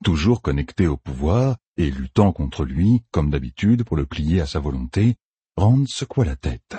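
Raspy low-voiced male audiobook narrator. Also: moderate pace, no room sound. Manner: dramatic, expressive reading. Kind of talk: scripted narration.

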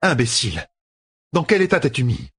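A man voicing a stern, sharp-tongued female healer in an audiobook reading, scolding and sharp. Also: mid-range voice, wildly swooping pitch, normal speed, slightly rough, no echo, pitched above the performer's own voice, exaggerated voice.

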